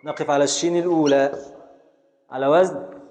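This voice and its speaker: An Islamic scholar teaching Arabic grammar and prosody leads a classroom lesson in an Egyptian Arabic accent, quizzing students and scanning verse syllable by syllable. His voice is on the high side, a little mellow and fairly quick, with fairly even intonation.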